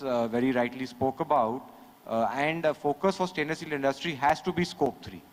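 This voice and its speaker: Male industry panelist, measured delivery, conference hall reverb. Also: medium pitch. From India. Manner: measured, explanatory. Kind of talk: panel discussion answer.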